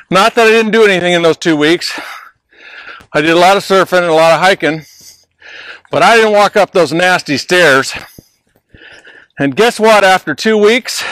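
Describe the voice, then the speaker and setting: Breezy, high-pitched older man, slightly winded. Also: fairly bright tone, no echo, poor audio. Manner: breezy, playful and emphatic, with repeated hooks. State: slightly out of breath. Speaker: network marketing trainer. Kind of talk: casual motivational vlog.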